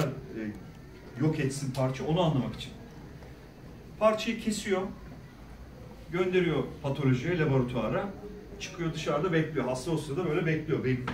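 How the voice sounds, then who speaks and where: A middle-aged man speaking as a guest at a school career day, telling stories in a lively way and acting out the people he quotes. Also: on the high side, slight background noise. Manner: animated, acts out quoted voices, jokes with the audience. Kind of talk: lively storytelling talk to students. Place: large echoey school hall. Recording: echoey hall, speaker far from mic.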